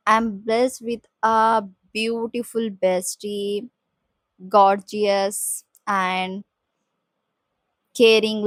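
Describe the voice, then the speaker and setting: A woman's voice: medium pitch, no echo, clean studio sound. Earnest young woman, confiding vlog talk. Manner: earnest, confiding, mixes Hindi with English, often asks "ठीक है?". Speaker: mindset coach. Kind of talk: heartfelt personal vlog monologue.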